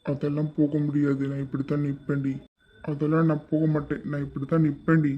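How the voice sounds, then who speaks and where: A man's voice: sits high, normal speed, natural voice. [name], a man doing a cheeky young guy. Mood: low teasing. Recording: slightly dull lo-fi audio.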